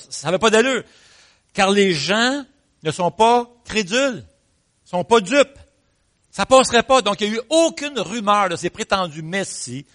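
A man with a Québécois French accent, preaching in a lively, storytelling way. His voice sits a little on the high side for a man, and he talks with lots of pauses and small asides. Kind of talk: sermon.

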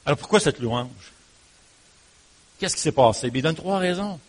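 A man with a Québécois accent preaching a sermon as pastor, talking to listeners conversationally and swinging between emphatic, loud lines and hushed, low ones. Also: animated, normal speed. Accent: Québécois French. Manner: conversational, with fillers and restarts, addressing listeners as "mon ami".

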